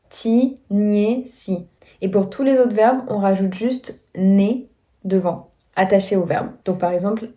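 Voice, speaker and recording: A woman in her twenties narrates her vlog in a relaxed, mellow voice at an everyday pitch. She sometimes slows right down to sound out unfamiliar words, half under her breath. The delivery stays casual and chatty. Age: 20s. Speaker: vlogger learning a language.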